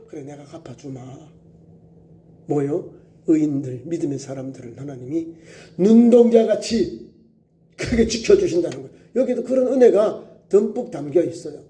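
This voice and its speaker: A man who is a pastor preaching a sermon, exclaiming and acting out prayers with lively emphasis. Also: high voice. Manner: sings a hymn before preaching.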